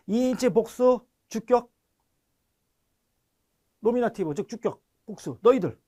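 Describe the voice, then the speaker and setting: A man's voice: high-pitched, a little mellow. A man giving an online grammar lecture, explaining step by step and often checking that students understand. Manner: reads foreign words slowly and deliberately. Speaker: language teacher.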